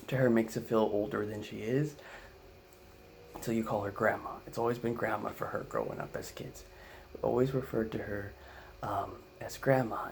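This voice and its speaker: A man's voice: fairly low pitch, vocal fry, a little hiss or hum. A man from the United States telling a comic family story, rambling with fillers and frequent "right?" asides. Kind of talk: comedic storytelling.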